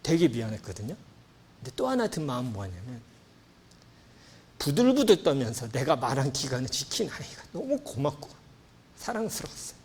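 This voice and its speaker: A man's voice: mid-range voice, big pitch swings, brisk, pauses often, breathy edge. A man in his thirties preaching a sermon as pastor, telling a personal story with emotion and acting out the dialogue. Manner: emotional storytelling, acts out dialogue, swings from loud to hushed.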